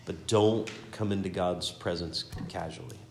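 Man, lowish voice, Sunday school teacher, earnest Bible reading, repeats words mid-phrase. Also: steady tone, measured pace, a little mellow, a little hiss or hum. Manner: earnest, reads scripture aloud with emphasis.

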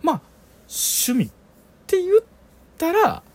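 A man in his thirties with a Kansai accent co-hosts a podcast with his brother, chatting casually. He speaks slowly but tells stories animatedly, laughing often, his pitch lively and rising.

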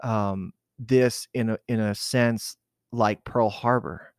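An unscripted oral-history interview captures a man from southern Arizona hesitantly recalling a memory, his lowish voice fairly even and his pace slow. The recording is dry and studio quality, and his reflective speech is full of fillers and restarts.

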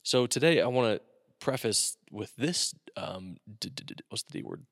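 A man's voice: medium pitch, expressive, normal speed, gravelly, fairly bright tone, dry recording, studio quality. A man co-hosting a casual podcast chat, joking around and rambling with filler words. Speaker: podcast co-host.

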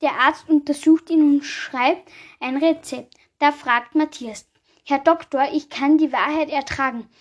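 A woman's voice: high-pitched, fairly even intonation, a little slow. A woman hosting a podcast, reading jokes aloud with small slips and casual asides. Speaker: podcast host.

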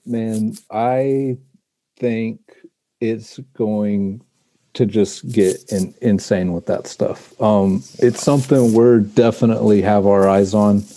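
Low, mellow-voiced man speaking haltingly. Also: steady tone, no room sound. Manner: halting, often restarts and repeats words. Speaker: guest, trading card company representative. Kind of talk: casual podcast interview.

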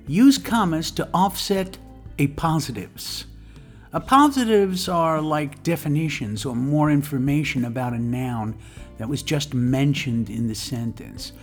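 A podcast teacher with a mid-pitched voice gives a scripted grammar lesson. The delivery is slow and didactic, dictating example sentences and naming each punctuation mark as it comes. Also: faint music behind. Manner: deliberate, didactic. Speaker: English teacher, podcast host.

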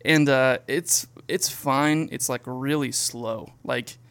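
A man co-hosting a podcast in a relaxed, casual chat, with lots of filler words and frequent laughter. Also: mid-range voice, slow, smooth. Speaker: podcast co-host.

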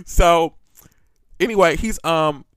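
A man's voice: mid-range voice, dry recording. A man from Washington, D.C. hosting a podcast, telling a crude story with candid, comic storytelling and frequent laughter. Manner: crude, laughs often, chatty. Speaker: podcast host. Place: studio.

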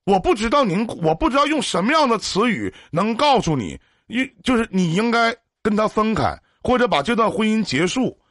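A man's voice: sits high, sing-song, moderate pace, hardly any pauses, a bit bright, no room sound, studio quality. A man hosting a livestream emotional advice show, talking emphatically with pointed rhetorical questions. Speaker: livestream radio host.

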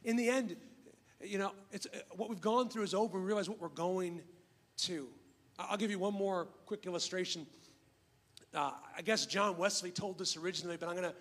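High-voiced pastor preaching conversationally. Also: male voice, steady tone, a little fast, fairly bright tone. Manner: conversational, with frequent restarts and asides to the congregation. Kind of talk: sermon.

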